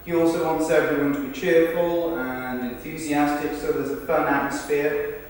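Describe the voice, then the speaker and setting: In a large, reverberant rehearsal room, a man earnestly performs verbatim theatre monologues, voicing people who recall a football club's celebrity visit. His fairly high voice is close to an everyday one, with fairly even intonation at normal speed. The distant mic picks up hall echo and faint noise.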